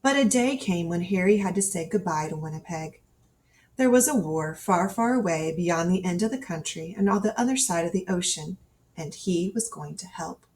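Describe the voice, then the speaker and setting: A storybook reader with a slightly low female voice reads a children's story aloud at normal speed. Her scripted narration is expressive, and she's ready to act out the dialogue. There is slight background noise.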